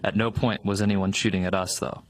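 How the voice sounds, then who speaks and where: A man's voice, electronically disguised and sitting fairly low, delivers a recorded soldier's testimony. He recounts everything in a steady, matter-of-fact way. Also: fairly quick.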